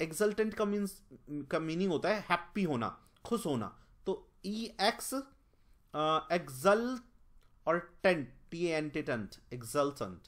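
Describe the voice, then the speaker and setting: Exam prep teacher going thru a mock test, spells words letter by letter, thinks out loud, fixes own slips. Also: medium pitch. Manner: mixes Hindi with English exam terms; corrects themself mid-explanation.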